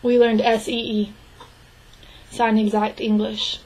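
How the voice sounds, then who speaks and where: In this signed interview, a woman interpreter voices the deaf man's replies in a somewhat high voice that stays flat. Her pace is steady and deliberate, though she frequently breaks off to restart. The audio is poor.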